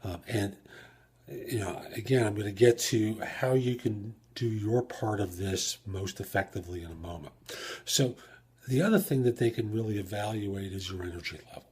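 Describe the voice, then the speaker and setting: This job search coach hosts a career advice podcast monologue in a low, husky voice with a darkish tone, speaking at normal speed. His style is explanatory, and he raises rhetorical questions only to answer them himself.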